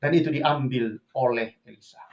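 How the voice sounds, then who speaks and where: A man who is a pastor preaching a sermon, swinging between raised passages and quiet asides, often addressing the congregation as brothers and sisters. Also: mid-range voice, moderate pace, lo-fi sound. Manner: preaches with sudden rises and drops, addresses listeners as brothers and sisters.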